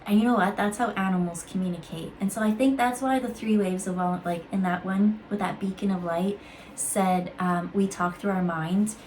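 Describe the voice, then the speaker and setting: A woman reading intuitive cards in a casual, musing way, halting with fillers and restarts. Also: medium pitch, steady tone, darkish tone, slight background noise, low-quality recording. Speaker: intuitive card reader. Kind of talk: casual spiritual card reading.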